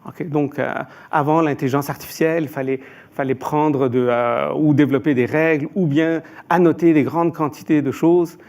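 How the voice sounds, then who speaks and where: A man's voice: fairly high pitch, steady tone, normal speed, darkish tone. A man from Iran answering as an expert panelist, hesitant, with frequent filler sounds and restarts.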